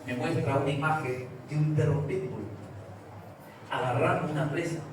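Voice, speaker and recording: A man's voice: on the high side, steady tone, normal speed. A man preaching a sermon with passion, telling stories and acting out the dialogue, recorded from a distance in a large church hall. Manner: impassioned, storytelling with quoted dialogue. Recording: echoey distant hall sound with ambient noise.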